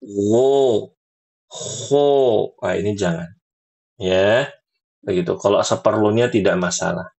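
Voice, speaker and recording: A man teaching Quran pronunciation in a relaxed, chatty way, slowly sounding out letters again and again. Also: sits low, vocal fry, breathy edge. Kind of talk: relaxed teaching talk to women.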